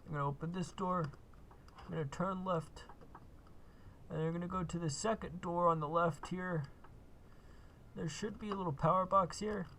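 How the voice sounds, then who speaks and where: Male game host, walkthrough, gravelly and a bit high, relaxed and rambling. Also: moderate pace, long pauses, slight background noise. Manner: laid-back, lots of uh and kinda. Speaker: gaming video host. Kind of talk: casual gameplay walkthrough.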